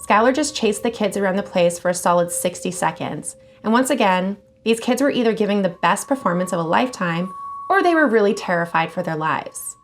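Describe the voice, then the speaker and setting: A woman hosting a channel where she reads scary online stories aloud, expressive and casual, swearing now and then. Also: mid-range voice, brisk, slight background noise. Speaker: horror story channel host.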